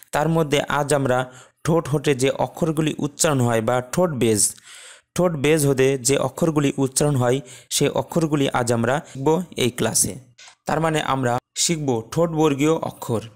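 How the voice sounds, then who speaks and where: A man teaching a Quran recitation lesson, explaining calmly and drawing out each Arabic letter slowly. He speaks with a Bangladeshi Bengali accent. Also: mid-range voice. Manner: slow, drawn-out letter pronunciations between plain explanation.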